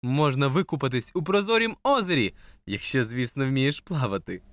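A woman narrating a children's story in an expressive way, speaking directly to the child listening. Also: very deep voice, normal speed, no room sound, clean studio sound.

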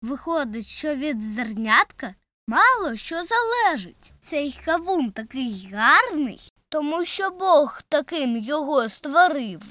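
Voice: high-pitched, big pitch swings, takes it slowly, sharp tone, dry recording, pitched above the performer's own voice, exaggerated voice. A reader voicing a curious seven-year-old boy. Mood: wondering. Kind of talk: storybook reading.

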